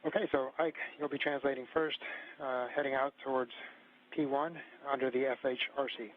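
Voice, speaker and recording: A man's voice: mid-range voice, steady tone, a little fast. A man calling procedures to astronauts over a narrow radio link, reading steadily. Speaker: ground communicator to astronauts. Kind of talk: radio communication. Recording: tinny radio line with faint hiss.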